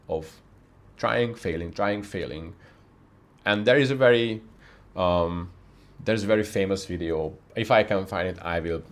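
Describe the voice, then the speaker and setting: A young YouTube creator with a low voice, whose first language isn't English, talks earnestly to camera in an unscripted vlog, often restarting sentences and using non-native phrasing. He's in a dark home studio with a softbox, recorded on a camera mic facing him.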